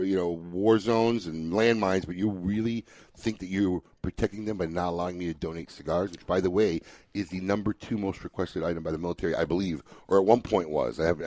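A podcast host with a low voice chats casually, offering opinions and ranting animatedly at a slightly fast clip, often restarting his sentences. The audio has no echo.

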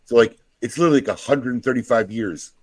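A middle-aged man hosting a podcast in casual chat, excitable and swearing often. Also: medium pitch, quick pace, dry recording. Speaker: podcast host.

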